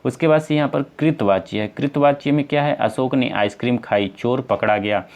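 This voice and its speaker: A man's voice: mid-range voice, moderate pace, lo-fi sound. A man with a North Indian Hindi accent teaching an exam-prep lesson, explaining step by step and answering his own questions. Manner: addresses viewers as friends, many fillers.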